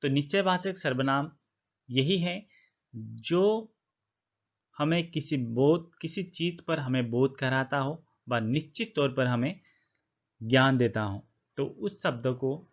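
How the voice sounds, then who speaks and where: Male teacher, mid pitch, patient step-by-step explainer, slightly dull recording. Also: expressive, takes it slowly, pauses often. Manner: explains step by step, repeats points, asks and answers his own questions. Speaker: Hindi grammar teacher. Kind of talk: classroom-style grammar lesson.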